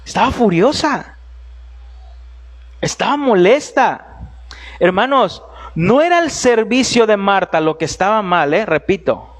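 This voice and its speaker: Man, preacher, high voice, animated sermon storytelling, humorous asides, addresses listeners directly, church. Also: measured pace, long pauses.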